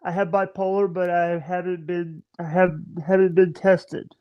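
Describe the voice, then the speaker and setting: Over dull, lo-fi stream audio, a male guest in his 30s makes casual conversation on a video call. He speaks in a high, clear, resonant voice with little pitch movement, though his talk stumbles along in stammering bursts full of restarts.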